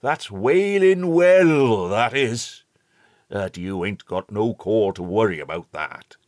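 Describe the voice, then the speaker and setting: A man's voice: fairly low pitch, animated, slow pace, darkish tone, no room sound, studio quality, pitched above the performer's own voice. A man voicing a grave, superstitious old shepherd who talks in a broad rustic dialect. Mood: hearty. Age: older. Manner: broad country dialect, ungrammatical rustic speech.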